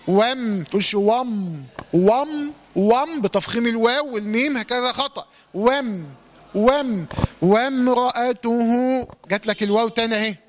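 A man with an Egyptian accent teaching Quran recitation rules, quizzing students, correcting them and reciting verse fragments slowly. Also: sits high. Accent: Egyptian Arabic. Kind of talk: tajweed lesson, call-and-response drilling.

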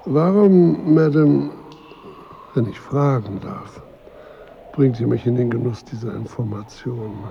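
A man's voice: medium pitch, unhurried, creaky, mellow, lo-fi sound, a little hiss or hum. An actor playing a proud, irritable, world-weary king and husband in a radio drama, speaking in a pompous, sardonic, formal way. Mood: haughty irritation. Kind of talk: literary radio drama acting.

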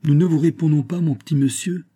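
Man playing masked giant, booming, menacing, husky, dark. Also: fairly quick. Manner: booming, threatening. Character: huge masked male giant, menacing and mocking.

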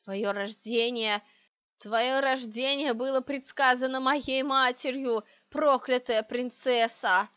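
A woman voicing a crooked, ancient witch who rants and wails in slow, drawn-out cries. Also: high-pitched, steady tone, pushed and bright, clean tone, no echo, full character voice. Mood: raving. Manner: slow, wailing, hissing rants. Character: crooked ancient female witch, shrieking, raving. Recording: dry, dull lo-fi recording.

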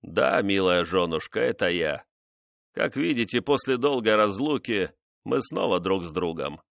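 A man voicing a cruel, vengeful nobleman who mocks his wife in a slow, menacing way. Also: low-pitched, expressive, creaky, fairly bright tone, dry recording, studio quality, exaggerated voice. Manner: mocking, menacing, measured.

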